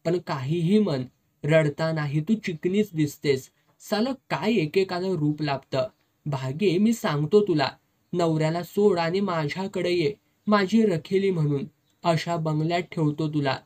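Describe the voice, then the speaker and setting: A reader voicing a drunk, lecherous, domineering officer who slurs his words and shouts, in a storybook reading. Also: mid-range voice, a little slow, close to an everyday voice. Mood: leering. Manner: slurring, bullying, shouts.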